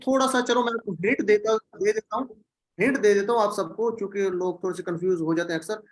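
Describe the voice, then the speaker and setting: A male teacher leads an online class over a video call, calm and patient. He drills verb forms again and again, slowly repeating each pattern for his students. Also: high voice, poor audio. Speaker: Quran Arabic teacher.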